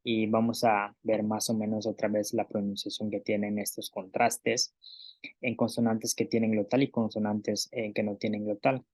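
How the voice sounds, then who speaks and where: A man's voice: lowish voice, level tone, normal speed, a little mellow, dry recording. A man giving a pronunciation lesson, saying words one at a time, carefully and with fillers. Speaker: language teacher.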